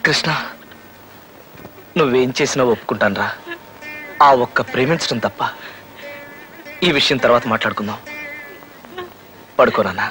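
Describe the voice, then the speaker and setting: A man's voice: medium pitch, moderate pace, pauses often, pushed and bright, close to an everyday voice, rough recording. An actor playing a remorseful elder brother who tenderly comforts his younger brother, with a Telugu accent, in a film soundtrack with background music. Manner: tender, pleading, tearful.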